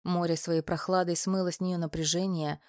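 A woman reading a story aloud as an audiobook narrator, in an even, unhurried storytelling manner. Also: lowish voice, dry recording, clean studio sound. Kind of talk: scripted narration.

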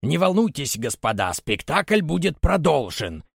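A blustering, gloating puppet master, put on by a reader, barks and bellows with a pitch that swings high and low. He booms orders and cackles like a stage villain in a children's play read aloud. The sound is dry and close. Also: big pitch swings, unhurried, gravelly, husky, no echo, full character voice. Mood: unctuous. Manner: booming, gloating laughter, sneezing fits. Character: blustering puppet-theatre owner, cruel showman.

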